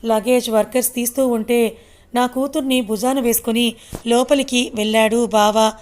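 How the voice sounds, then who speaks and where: A woman reads a first-person audio story aloud, voicing all the characters herself. Her voice sits fairly high and stays flat and even, with little rise or fall from line to line. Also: moderate pace. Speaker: storyteller reading a serialized story.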